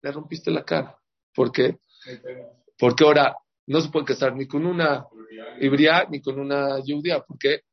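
A man's voice: a little high, moderate pace, long pauses, muffled recording. A man, a rabbi teaching a religious lesson who keeps asking his listeners rhetorical questions. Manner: lively, asks the audience rhetorical questions. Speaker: rabbi teaching a Torah class.

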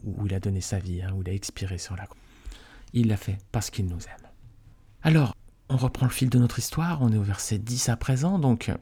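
Man, Bible teacher, conversational study, dark mellow tone, husky voice. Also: lowish voice. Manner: reads scripture aloud, then explains it informally with frequent tag questions; addresses listeners warmly as friends.

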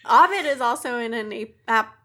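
A woman co-hosting a podcast, chatting casually and halting now and then to correct herself. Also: on the high side, lively intonation, background noise. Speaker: podcast co-host. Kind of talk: casual chat.

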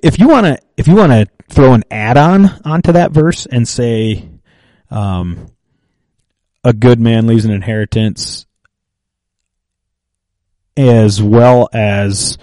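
A lowish, slightly mellow male voice with no room sound belongs to a co-host of a casual faith and finance podcast. He's thoughtful and halting, thinking aloud with frequent fillers and restarts.

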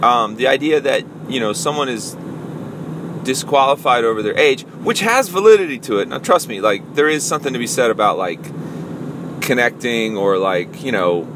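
A man's voice: mid-range voice, animated, moderate pace, noisy background. A man in his forties, a podcast host and youth pastor, telling a story in a casual, self-amused solo monologue. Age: 40s.

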